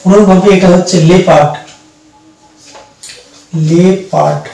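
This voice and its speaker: A man teaching an English pronunciation lesson, patiently explaining step by step and repeating words slowly for learners. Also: high voice, fairly even intonation, gravelly, dark tone, faint music behind. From Bangladesh. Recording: very echoey room, mic at a distance.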